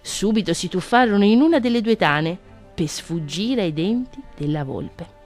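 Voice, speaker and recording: A woman reads a children's story aloud in a gentle, expressive voice, her pitch rising and falling with lively storytelling. Soft music plays faintly beneath her. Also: moderate pace. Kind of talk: storybook reading.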